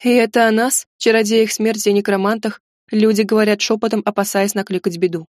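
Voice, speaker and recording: A woman reading an audiobook, voicing a sardonic, weakened male necromancer who speaks in a low, mocking way. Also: steady tone, fairly quick, darkish tone, dry recording, clean studio sound, close to an everyday voice.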